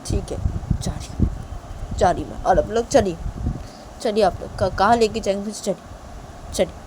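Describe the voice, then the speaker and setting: A woman's voice: mid-range voice, moderate pace, dark tone, slight background noise, close to an everyday voice, rough recording. A woman voicing a hurt young woman who tearfully and defiantly repeats that she is leaving for good.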